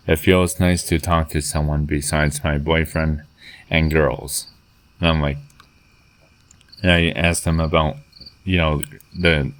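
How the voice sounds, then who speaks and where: A man with a deep, slightly bright voice tells a personal story haltingly, full of fillers and restarts, as he reads old chat messages aloud.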